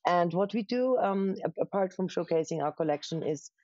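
A woman's voice: fairly low pitch, animated, a little mellow, no echo. Austrian woman guest, thoughtful curator, muffled dry webcam sound. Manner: thoughtful, pauses with fillers. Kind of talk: casual interview answers. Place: living room at home. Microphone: webcam on a video call.

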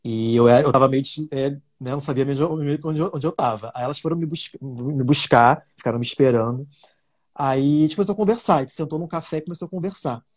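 Husky-voiced man telling a story. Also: mid-range voice, quick pace. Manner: animated storytelling with many fillers and restarts. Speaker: interview guest, producer. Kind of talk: casual interview talk.

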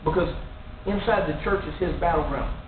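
A man's voice: fairly high pitch, moderate pace. A middle-aged man giving an earnest sermon in a small church, speaking into a stand mic and building to emphatic warnings. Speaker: lay preacher. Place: small church room in front of a cross. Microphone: stand mic near the mouth. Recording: tinny, echoey, distant with faint hiss.

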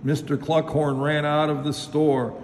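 A man reading a children's picture book aloud with lively, expressive storytelling. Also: on the high side, a little slow. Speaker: storybook reader, local official. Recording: echoey hall, faint noise.

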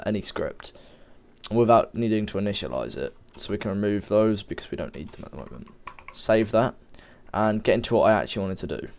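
A game development tutor with a cold talks through a coding tutorial at his computer, informally and ramblingly, often correcting himself as he types. His fairly low voice is darkish, clear and resonant, though slightly sniffly. He uses a desk microphone.

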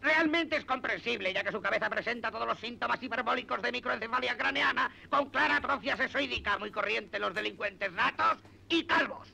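Shrill, stammering mad scientist. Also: male voice, a little fast, gravelly, pushed and bright, slight background noise, heavily acted. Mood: scornful. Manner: stammers on long words, speaks in pompous jargon. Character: pompous, irascible little mad scientist inventor. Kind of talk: 1970s cartoon voice acting.

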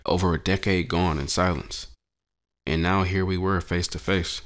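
A man with a very deep, low voice narrates a dramatic short story in the first person. His delivery is measured and brooding, and he reads steadily through emotional scenes. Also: fairly even intonation.

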